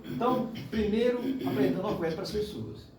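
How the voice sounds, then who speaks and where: Brazilian man, lively teacher drilling pronunciation; room echo, distant mic, faint hiss. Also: high voice, brisk. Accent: Brazilian Portuguese. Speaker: Esperanto teacher. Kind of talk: classroom demonstration lesson. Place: club meeting room with audience. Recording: echoey room from far off.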